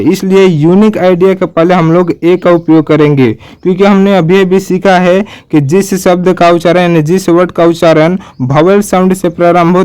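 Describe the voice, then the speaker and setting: Male online grammar tutor, Hindi accent, high clear voice, patient and repetitive delivery. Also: a little mellow. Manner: slow, repetitive explaining, spelling out letters. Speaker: English grammar teacher.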